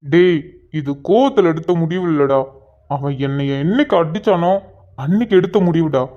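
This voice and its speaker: A man's voice: fairly high pitch, lively intonation, normal speed, lo-fi sound, natural voice. A man voicing a snappish, vengeful young businessman in a cartoon. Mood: irritated. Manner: snappish, menacing. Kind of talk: cartoon voice acting.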